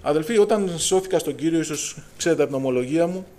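A middle-aged man preaches a fervent Pentecostal sermon. His voice sits high, and he lifts it strongly when he quotes scripture or calls out to his congregation. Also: dark tone. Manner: fervent, preacher's call-and-response, raises voice on scripture.

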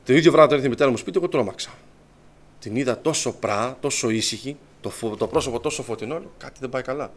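A man telling his personal testimony to a congregation, lively and storytelling, acting out what others said. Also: mid-range voice. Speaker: church member giving testimony.

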